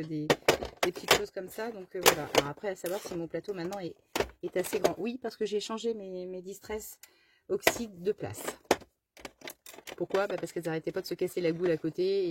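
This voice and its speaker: Against some background noise, a woman with a lowish voice shows off her craft-supply haul in a relaxed show-and-tell. As a craft vlogger she wanders from point to point, restarting often, leaning on fillers and fumbling English product names.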